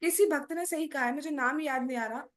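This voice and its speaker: A woman's voice: high voice, a little fast. A young woman giving a conversational devotional class, explaining a scripture reading, asking her listeners questions and mimicking other people's excuses.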